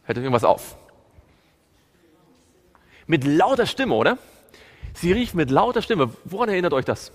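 A man's voice: a little high, normal speed, long pauses. A man preaching a Bible study sermon and asking his listeners questions as he tells the story. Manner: asks the audience questions, animated storytelling. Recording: long hall reverb.

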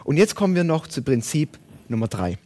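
A man's voice: a little high, very animated, brisk, dark tone. A man preaching a sermon and reading Bible passages aloud, with emphatic, rising and falling delivery.

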